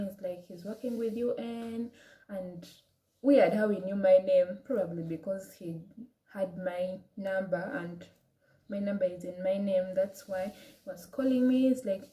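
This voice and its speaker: A woman's voice: medium pitch, mellow, roomy sound, low-quality recording. A young woman with an African accent telling a personal story in a casual vlog, chatty, with many restarts and quoted asides. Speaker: vlogger.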